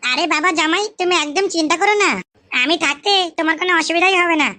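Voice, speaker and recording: Flirty cartoon mother-in-law, coaxing, bright and fast woman voicing. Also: very high voice, no echo. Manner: coaxing, sweet-talking. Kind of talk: comic cartoon voice acting.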